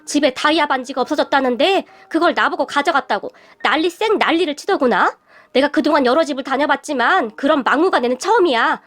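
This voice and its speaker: A woman's voice: sits high, animated, fairly quick, a bit bright. A woman voicing a weary, proud middle-aged mother who works as a housekeeper, who talks stubbornly and sighs with indignation. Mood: indignant. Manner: stubborn, sighing, indignant then pleading. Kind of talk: storytelling narration.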